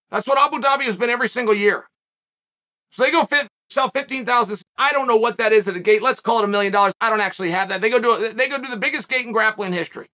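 Forceful ranting male commentator. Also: extremely high pitch. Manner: emphatic, ranting, repeats phrases for effect. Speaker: podcast host. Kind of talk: opinion commentary.

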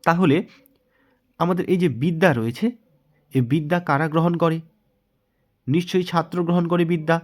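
A man's voice: fairly high pitch, fairly even intonation, moderate pace, pauses often. A man with a Bengali accent, teaching exam prep and patiently walking through mock test answers, asking questions and then answering them himself.

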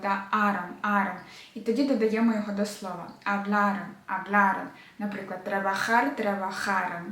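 A woman's voice: a little high, roomy sound. Woman teacher drilling verb forms. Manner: clear, repeats forms slowly for drilling. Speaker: Spanish teacher. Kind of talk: language lesson.

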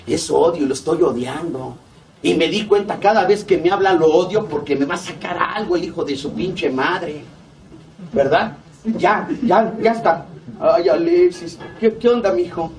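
Recorded on a distant mic with faint noise behind him, this middle-aged man speaks with a Mexico City Spanish accent, his pitch fairly high, his pace moderate, and his voice edged with vocal fry. He delivers a blunt recovery testimony full of profanity, voicing both sides of remembered conversations.

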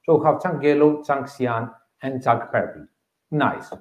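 At a conference, a man in his thirties from Greece speaks with a Greek accent in a medium-pitched voice, a little slow. He explains his tech topic step by step and repeats key points, recorded in a meeting room with an audience where the live sound is roomy and a bit dull.

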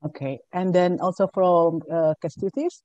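A woman's voice: fairly low pitch, fairly even intonation, moderate pace, dark tone, no echo, muffled recording. A woman with an Indonesian accent moderating a film Q&A on a video call, speaking carefully with uh fillers. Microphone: webcam on a video call.

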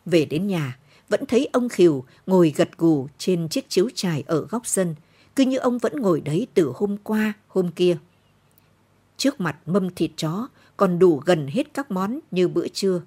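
Radio narrator, woman, low and husky, measured novel reading. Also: expressive, mellow.

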